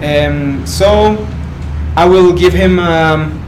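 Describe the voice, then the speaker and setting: A young man hosts a podcast interview, halting and filler-heavy as he frames his questions. His voice is slightly high for a man. The mic sits away from him and a steady background noise runs underneath. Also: far from the mic. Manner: hesitant, many fillers, soft affirmations. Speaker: podcast host.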